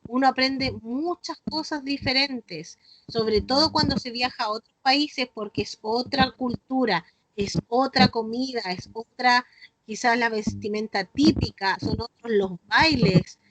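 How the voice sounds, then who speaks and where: A woman's voice: a little high, a little slow, a bit bright. A woman with a Chilean accent teaching an online class to children, explaining patiently and often checking in with the class. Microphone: video call. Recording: noisy video call.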